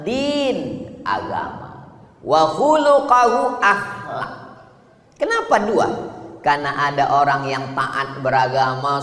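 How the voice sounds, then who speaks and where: A middle-aged man from Sumatra preaching a humorous sermon with a loud, booming delivery and playful jokes. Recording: echoey hall with faint ambient noise.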